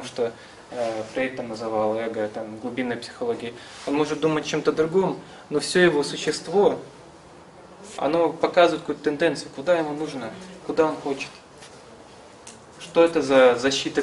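A man in his thirties giving an informal seminar lecture and answering questions, hesitantly searching for words as he explains. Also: mid-range voice. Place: small classroom-like seminar room, indoors. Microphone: camera some metres away. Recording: distant camera mic, faint room noise.

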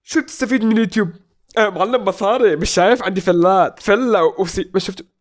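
A man in his twenties, voice sitting high and pace fast, does a casual Q&A vlog at a desk in a small indoor room. He reads the viewers' questions out loud and responds in a joking, playful way.

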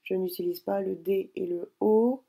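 Slow husky teacher lady spelling words out syllable by syllable, kinda gravelly. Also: mid-range voice, fairly even intonation, warm tone. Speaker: primary school teacher. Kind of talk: recorded spelling dictation lesson. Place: at home.

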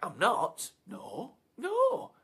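A man's voice: high-pitched, wildly swooping pitch, very slow, a bit bright, slightly rough, pitched above the performer's own voice, heavily acted. A man putting on a jittery young karaoke bloke. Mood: pleading. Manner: stammering, pleading. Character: nervous, flustered young male karaoke host.

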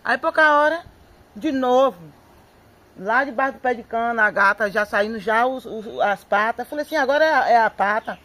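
Outdoors in a home yard, a woman who lives locally speaks into a handheld microphone at a moderate pace, her voice sitting a little high. Interviewed as an eyewitness, she tells events in an excited, breathless tumble, circling back and repeating words. She often acts out quotes from herself and her family.

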